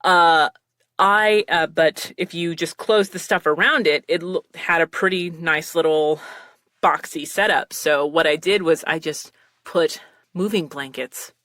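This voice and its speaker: On a dry recording, a woman talks a little slowly in a fairly bright tone, giving recording advice during a casual podcast chat about voice acting. She considers her voice low, meanders with frequent fillers and laughter, and uses a close studio mic and headphones.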